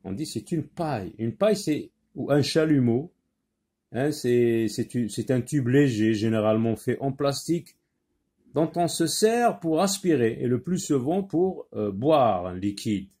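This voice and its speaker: A man's voice: medium pitch, expressive, measured pace, warm tone, slightly rough. A man teaching a French spelling lesson, patiently repeating words and spelling them letter by letter.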